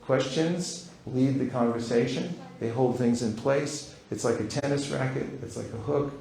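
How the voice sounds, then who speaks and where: His voice is gravelly and darkish, medium in pitch and moderate in pace, as he runs a live seminar in a large hall. He teaches with playfulness, acting out brief exchanges, captured with roomy hall acoustics.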